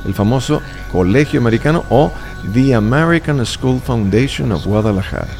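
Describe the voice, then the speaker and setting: A man's voice: medium pitch, lively intonation, normal speed, gravelly, a little mellow, faint music behind. A man in his fifties, raised in Mexico, talking emphatically and lecturing as a guest in a radio studio. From Chile, raised in Mexico. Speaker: stage hypnotist guest. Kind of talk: radio interview chat.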